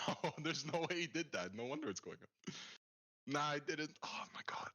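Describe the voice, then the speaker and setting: A man's voice: on the high side, lively intonation, normal speed, bright, forceful tone, no room sound, dull audio. A man hosting a live trading stream in laid-back, casual chat, laughing often and filling his talk with "like" and "man". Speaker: stream host.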